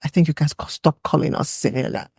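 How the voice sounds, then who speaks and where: A woman's voice: low voice, fast, vocal fry, darkish tone, husky, dry recording, studio quality. A woman from Nigeria with a Nigerian accent, a podcast guest reflecting on her past in casual conversation. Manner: reflective, recalling memories at an easy pace. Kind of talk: casual interview chat.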